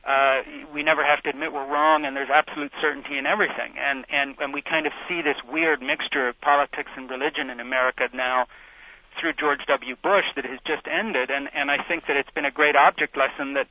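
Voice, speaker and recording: A middle-aged author from Switzerland, speaking as a guest in a radio interview, thoughtful and rambling, with frequent restarts. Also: male voice, medium pitch, fairly even intonation, fairly quick, pushed and bright. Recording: dull lo-fi radio sound.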